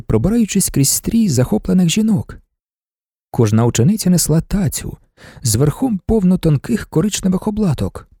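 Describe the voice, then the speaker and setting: A man reading a novel aloud as an audiobook narrator, in an expressive, dramatic manner. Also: on the high side, vocal fry, husky, no echo, clean studio sound.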